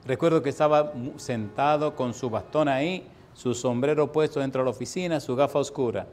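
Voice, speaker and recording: Delivering a sermon at a brisk clip, a mid-range-voiced man in his sixties recounts a personal story with animation. He lifts his voice each time he returns to a repeated refrain.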